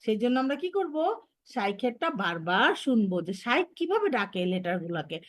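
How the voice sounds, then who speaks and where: A woman's voice: mid-range voice, very animated, moderate pace, no room sound, studio quality. A woman with a Bangladeshi Bengali accent teaching Arabic letter sounds to children in an online lesson, patiently modeling each sound.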